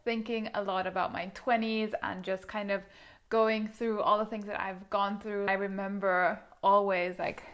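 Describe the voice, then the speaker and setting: A woman's voice: mid-range voice, fairly bright tone, smooth. A thirty-year-old woman vlogging to camera, talking in an earnest, reflective way with frequent hedging fillers. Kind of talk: reflective casual monologue to camera.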